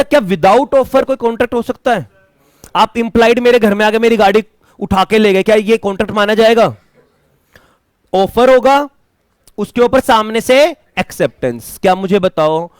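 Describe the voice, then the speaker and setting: Guy teaching a class, highish voice, keeps quizzing the kids, mixes in english words. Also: normal speed, clean tone, no echo, clean studio sound. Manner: questioning, drills students with repeated questions; mixes Hindi with English terms. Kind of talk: classroom lecture.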